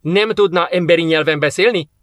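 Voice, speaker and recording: A man voicing a gruff, impatient male Russian officer who barks orders and mocks. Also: on the high side, pushed and bright, no echo, studio quality, voice pushed up. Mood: irritated. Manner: barking, impatient, sarcastic.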